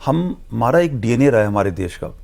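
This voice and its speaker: A man with a gravelly, creaky voice holds forth as a guest analyst on a televised discussion. He explains point by point in a measured, lecturing manner, now and then switching into English phrases. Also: mid-range voice, lively intonation, darkish tone.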